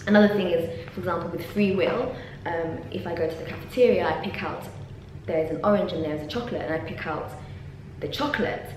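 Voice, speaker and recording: She's a young Londoner whose voice sits on the low side and moves fairly quickly, chatting animatedly with many ums and laughs. As a PhD student vlogger, she talks casually to camera in an indoor university office lab. Recording begins from a camera on the desk, then switches to handheld selfie, in a very echoey room with a faint hum.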